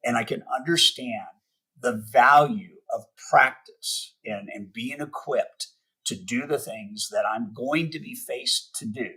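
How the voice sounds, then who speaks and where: A middle-aged man giving motivational sales advice as a podcast guest, speaking emphatically and slowing down to stress his key points. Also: medium pitch, pushed and bright, husky, rough recording. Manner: emphatic, spells out acronyms slowly, acts out sample calls. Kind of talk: podcast interview, motivational teaching.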